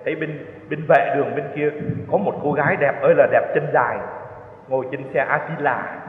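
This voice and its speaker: Older male priest, a bit high-voiced, chatty storyteller, tinny phone-like sound. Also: fairly even intonation, fairly quick. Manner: chatty storytelling, chuckling at his own stories. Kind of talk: retreat sermon with personal anecdotes. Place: large church. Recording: echoey church hall, tinny lo-fi sound.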